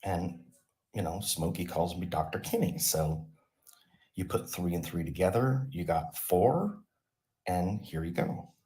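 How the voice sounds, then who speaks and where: A man hosting his channel, telling a rambling comic story off the cuff with a deadpan, absurd humor. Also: deep voice, a little slow. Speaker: channel host.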